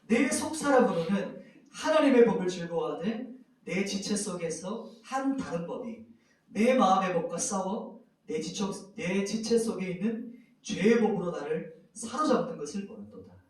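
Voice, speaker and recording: A high-voiced male pastor preaches with sweeping, lively pitch, acting out loud cries and anguished sighs. His voice rings through a very echoey hall, picked up from some distance. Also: moderate pace. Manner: animated, acts out cries and sighs of lament. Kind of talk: sermon.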